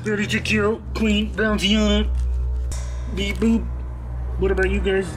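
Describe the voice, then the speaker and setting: Slow, high-pitched, dopey monster put on by a man in a fan cartoon. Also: little pitch movement, faint music behind. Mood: panicked.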